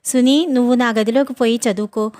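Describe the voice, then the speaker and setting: A woman's voice: a little high, steady tone, a little fast, a little mellow, no room sound, studio quality, natural voice. A woman voicing a middle-aged housewife and mother, fond with her husband and flustered with the children, in a storybook reading. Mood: scolding.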